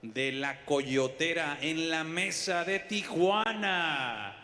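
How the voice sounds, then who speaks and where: Booming arena ring announcer, man. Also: animated, fairly bright tone. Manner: booming, drawn-out name calls. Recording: long reverb of a large arena.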